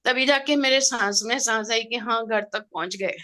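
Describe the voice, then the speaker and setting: A middle-aged woman telling an emotional personal story in an expressive, heartfelt way, slipping in English words. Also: fairly high pitch, moderate pace. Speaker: participant sharing a personal experience.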